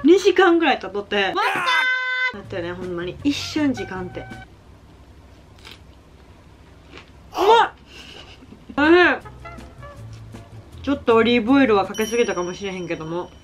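Eating at the table for her vlog, a young woman with a Kansai accent chats casually, giggling and poking fun at herself. Her medium-pitched voice is animated and racing, with hardly any pauses, and background music runs beneath it.

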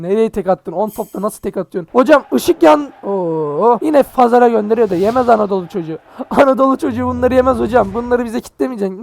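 A young man casually commentating his mobile football game pack openings, excitable and joking, groaning and swearing at bad pulls. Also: sits high, vocal fry.

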